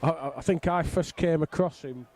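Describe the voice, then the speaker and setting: A man's voice: on the high side, normal speed, a little mellow. A middle-aged man giving casual, jokey live commentary on a bowls match. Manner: jokey, bantering. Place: outdoors on a flat roof in the rain.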